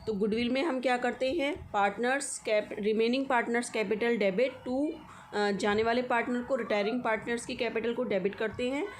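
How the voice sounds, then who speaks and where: A woman's voice: on the high side, steady tone, fairly quick, slight background noise. A woman teaching accounting, walking through the steps one at a time and checking in with her students often. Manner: explains step by step with frequent check-ins. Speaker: commerce teacher. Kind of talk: accounting lesson walkthrough.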